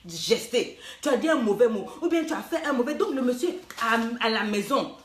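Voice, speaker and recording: A woman coach with a high voice gives playful, teasing relationship advice, dropping English phrases now and then. Her voice rings in an echoey room. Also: lively intonation, fairly quick, a little hiss or hum. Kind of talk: lively advice talk.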